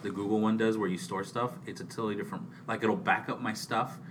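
A man's voice: fairly low pitch, steady tone, fast talker, distant mic. A man co-hosting a podcast in casual chat, rambling along with frequent restarts. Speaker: podcast co-host. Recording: off-mic with faint background hiss.

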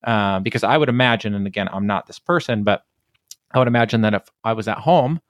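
A man's voice: lowish voice, fast talker, dry recording, studio quality. A man hosting a casual conversational interview, talking chattily and often adding "like" and "right?". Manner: chatty, leans on 'like' and 'right?'.

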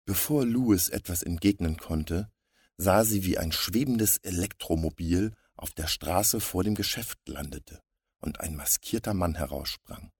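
Deep husky man reading a story. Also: measured pace, darkish tone, no room sound, studio quality. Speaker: narrator.

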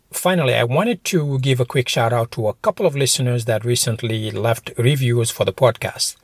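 A man's voice: medium pitch, husky, dry recording, studio quality. A man hosting a motivational podcast, talking to listeners in a direct, encouraging way. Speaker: podcast host.

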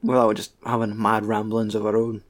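A man's voice: lowish voice, completely flat delivery, brisk. A Scottish man co-hosting a casual film podcast, rambling and joking with some swearing. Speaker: podcast co-host.

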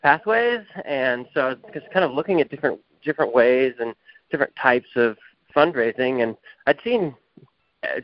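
A man's voice: medium pitch, animated, moderate pace, no room sound. A man, a company founder, heard over the phone in an interview, giving long explanatory answers with frequent fillers. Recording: muffled, dry phone line.

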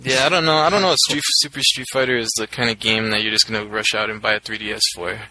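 A man's voice: lowish voice, fairly even intonation, fast, sharp tone, a little hiss or hum, poor audio. A young man co-hosting a casual podcast chat, hesitant and full of fillers. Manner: hesitant, many "like" and "I guess" fillers.

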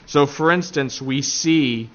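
A man with an Appalachian accent giving a religious lecture point by point, haltingly searching for words. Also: a little high, fairly bright tone, highs cut off. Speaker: catechism teacher.

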